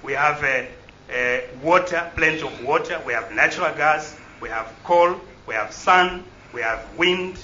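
A man giving live interpretation at a press event, pausing with fillers and repeating phrases as he translates. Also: on the high side, sharp tone. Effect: live interpreter voice over the original speech. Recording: echoey, dull sound with faint room noise.

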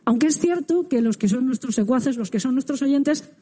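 A woman's voice: high voice, expressive, normal speed, warm tone. A woman with a Spain Spanish accent, muffled by a face mask, moderates a round table as podcast host with a formal, courteous welcome. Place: stage at a public event with an audience.

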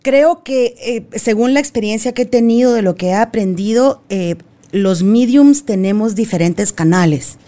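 A woman's voice: fairly high pitch, normal speed, warm tone. A middle-aged woman, a guest medium who chats casually, explaining in lists and laughing often. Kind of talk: casual conversation.

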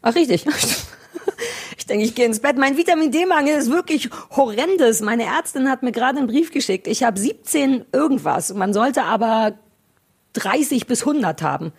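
A woman's voice: a little high, animated, normal speed, husky. A woman co-hosting a podcast, chatting casually and playfully over a video call, rambling from one thought to the next. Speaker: podcast co-host.

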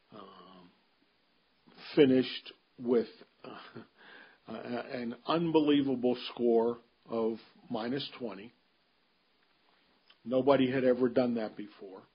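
Slow, husky-voiced man musing on golf. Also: medium pitch, muffled recording. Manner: halting, many ums and restarts, measured. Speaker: golf commentator. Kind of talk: unscripted solo commentary.

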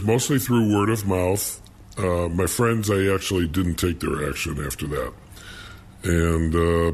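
An older man speaking through a deep, pitch-lowered disguise as an anonymous bookie, answering interview questions in a halting way with many fillers.

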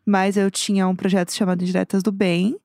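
A woman's voice: mid-range voice, flat delivery, fairly quick, vocal fry, a little mellow, no room sound, clean studio sound. A talkative Brazilian woman co-hosting a casual podcast, speaking with a swollen mouth after having her wisdom teeth out. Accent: Brazilian Portuguese. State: swollen mouth after wisdom tooth removal, not speaking at full ease. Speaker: podcast co-host. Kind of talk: casual chat.

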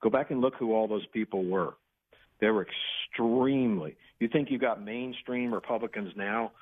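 Older guy calling in on a crackly cordless phone that keeps cutting out, lowish voice, rambling and pushy. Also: moderate pace. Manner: rambling, insistent, many restarts. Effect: caller on a crackly phone line that fades in and out. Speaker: radio show caller. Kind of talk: political call-in talk. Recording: tinny phone line, breaking up.

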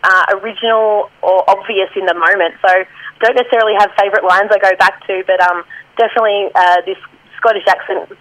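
Woman, improv performer guest, friendly chatty read, mid pitch, easy laughs. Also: steady tone, fast talker, fairly bright tone, rough recording. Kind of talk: casual interview chat.

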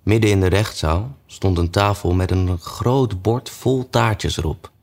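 Low-voiced man reading a storybook. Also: unhurried. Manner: relaxed reading with frequent "eh" fillers. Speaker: narrator.

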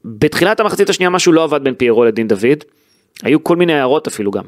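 A man's voice: a little high, lively intonation, no echo, studio quality. A man hosting a sports podcast, chatting casually and animatedly about a football match, with frequent fillers and restarts. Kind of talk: casual football analysis chat.

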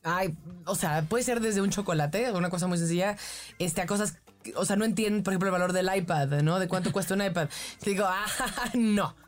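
A woman's voice: medium pitch, brisk, soft background music. A woman with a Mexican accent, a mother and podcast guest talking casually with many restarts. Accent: Mexican Spanish. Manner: talkative, many restarts and fillers. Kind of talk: casual chat.

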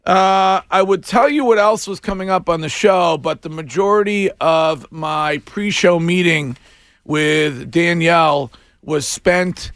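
A man's voice: fairly high pitch, unhurried, a bit bright, no echo, studio quality. A man hosting a morning radio show, joking and reading out listener texts. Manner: joking, self-deprecating, reads listener texts. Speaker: radio host.

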